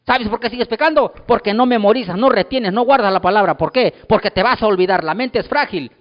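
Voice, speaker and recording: A pastor preaching a sermon, emphatic and repetitive, firing rhetorical questions at the congregation. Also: male voice, sits high, fairly quick. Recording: dull lo-fi sound with long hall reverb.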